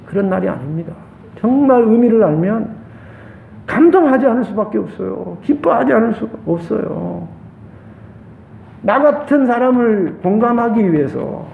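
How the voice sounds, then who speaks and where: A male pastor with a Gyeongsang accent preaching a sermon with passion, his voice swinging between loud highs and hushed lows. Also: gravelly. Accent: Gyeongsang Korean. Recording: echoey church room, tinny phone-like sound.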